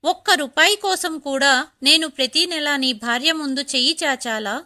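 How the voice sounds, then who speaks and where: A woman's voice: sits high, moderate pace, pushed and bright. A woman reading the lines of a long-suffering elderly mother in a storybook tale. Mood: furious.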